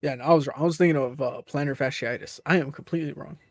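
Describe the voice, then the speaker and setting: A man's voice: on the high side, racing, gravelly, no room sound. A man co-hosting a casual sports podcast, talking in loose, self-correcting explanations. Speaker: podcast co-host.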